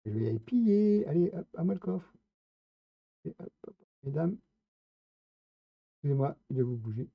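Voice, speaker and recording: A man's voice: a little high, very animated, moderate pace, long pauses, no echo. A man giving casual gameplay commentary, chatty and playful, talking straight to his viewers. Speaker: streamer. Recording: tinny phone-like, dry sound.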